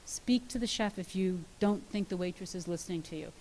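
A middle-aged woman dietitian giving a lively, practical talk to an audience, telling stories and acting out the dialogue with emphasis. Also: fairly low pitch, fairly quick, low-quality recording. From United States. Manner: storytelling, acts out dialogue, emphatic. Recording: faint hiss.

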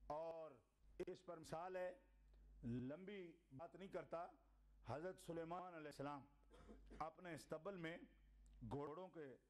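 A man delivering an impassioned sermon to a gathering, acting out quoted lines and rising to shouts at the climaxes. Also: on the high side, long pauses. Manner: dramatic, acts out quoted lines, shouts at peaks, teases the audience. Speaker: religious speaker at a Milad gathering. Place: gathering hall with live audience.

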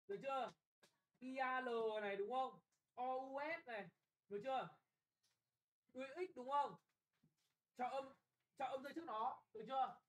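A young man tutoring a class for an exam, brisk and bossy, often checking whether students follow and scolding them bluntly. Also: very high voice, poor audio. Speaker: English tutor.

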